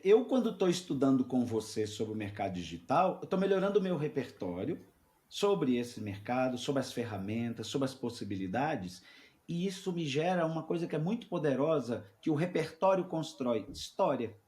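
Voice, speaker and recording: A middle-aged man, a sales mentor and podcast guest, telling a work story in lively casual conversation and acting out the people he quotes. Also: medium pitch, normal speed.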